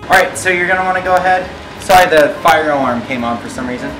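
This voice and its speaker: Fast and medium-pitched, the voice belongs to a tipsy home cook delivering a rambling, foul-mouthed cooking tutorial. Captured off-mic from across a roomy kitchen, it has loud music and a sizzling pan in the background.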